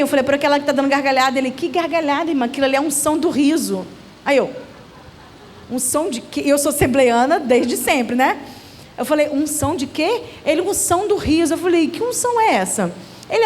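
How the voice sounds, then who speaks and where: High-voiced animated Brazilian woman storyteller. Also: a little hiss or hum. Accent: Brazilian Portuguese. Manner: animated, acting out the voices in her stories. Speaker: children's ministry leader and speaker. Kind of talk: storytelling talk at a church seminar. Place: church event hall.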